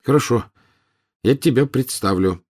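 A male narrator raises his voice into an exasperated teenage boy wizard, impatient and incredulous. The voice sits noticeably higher and louder than the storyteller's own, with lively, lifted phrasing in a storybook reading. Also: unhurried, close to an everyday voice. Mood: placating.

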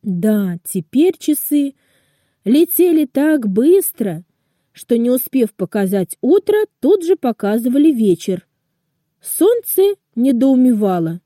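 A woman narrating a children's storybook aloud, slowly and expressively. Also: fairly high pitch, no room sound, clean studio sound. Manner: slow, expressive, lively. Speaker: storybook reader.

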